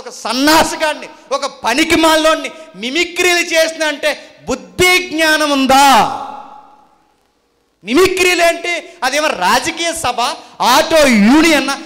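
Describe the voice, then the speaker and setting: A man's voice: very high-pitched, fairly bright tone. A man preaching a fiery sermon, scolding and firing rhetorical questions at his congregation. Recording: long hall reverb.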